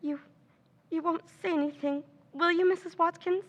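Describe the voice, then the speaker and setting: Speaking at normal speed in a very high-pitched, steady voice, a woman performs 1940s-style radio acting. She plays a schemer pretending to be nervously distressed, with stammering, hesitant delivery and breathy pleas.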